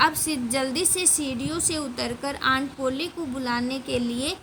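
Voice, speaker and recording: A woman teacher slowly retelling a story in simple Hindi. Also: high-pitched, background noise. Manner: slow, careful storytelling.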